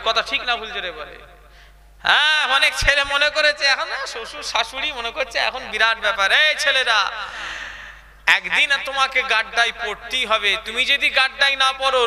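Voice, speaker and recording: A man's voice: extremely high pitch, bright, forceful tone, in a large hall. A man preaching a waz sermon, chatty and quizzing the crowd with questions.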